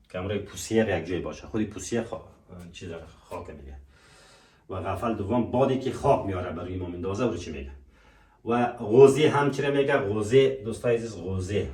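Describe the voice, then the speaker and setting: A lower-voiced man gives a French lesson, saying each word slowly and posing questions he then answers himself. He stands some way from the mic in a roomy, echoing space. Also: darkish tone. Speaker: French teacher. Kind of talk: language lesson. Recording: echoey room, voice from a distance.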